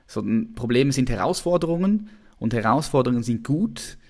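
A man's voice: mid-range voice, animated, brisk, darkish tone. Casual stammering male interviewer. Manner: casual, stumbling, repeats words. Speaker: interview host. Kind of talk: remote interview over video call. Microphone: video call.

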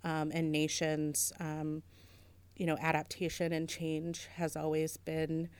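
Low smooth-voiced woman curator, lots of ums and restarts, dry close sound. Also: completely flat delivery, takes it slowly, darkish tone, no room sound. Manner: thoughtful, many fillers and restarts. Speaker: museum curator. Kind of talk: interview conversation.

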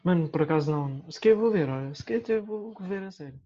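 A man's voice: a little high, animated, quick pace, mellow. A young man with a European Portuguese accent chatting casually in repetitive slang, on a dull lo-fi recording. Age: young adult. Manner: slangy, repetitive filler words. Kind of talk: casual chat. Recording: dull lo-fi sound.

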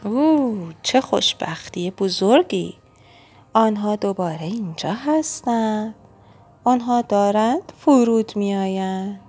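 A woman reading a children's storybook aloud, expressive and engaging, speaking to the young listener. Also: mid-range voice. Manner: warm, expressive and engaging, asks the listener questions.

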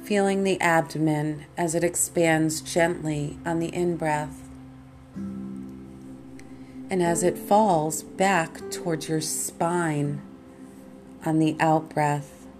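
A woman leading a guided meditation as host and teacher, in a calm, soothing, meditative manner. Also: sits low, slow pace, pauses often. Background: plucked guitar music.

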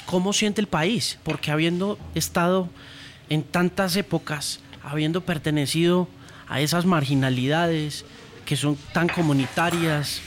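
A man interviewing a guest, asking earnest, probing questions. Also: fairly high pitch.

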